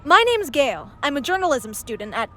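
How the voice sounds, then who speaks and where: An actress playing a serious, determined young journalism student in a video game, insistent and pointed. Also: female voice, high-pitched, big pitch swings, moderate pace, fairly bright tone, slight background noise. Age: young adult.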